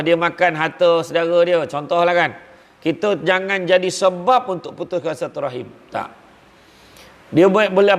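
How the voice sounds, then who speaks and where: A man with a Malaysian Malay accent giving an animated, jokey religious talk, acting out the people he quotes. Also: a little high, big-room sound. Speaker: preacher.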